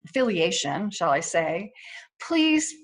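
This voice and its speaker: Woman chaplain giving gentle, reassuring guidance. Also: lowish voice, very animated, slow. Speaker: chaplain giving a weekly wellness tip. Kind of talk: informal spoken guidance on breath prayer and spirituality.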